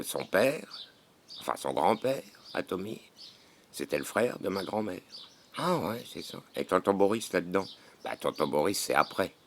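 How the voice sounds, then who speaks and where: Chatting casually, a Frenchman who vlogs keeps using "mon gars" in his folksy, talkative manner. His deep, gravelly voice is a bit bright and a little worn out, and the audio carries a slight hiss or hum.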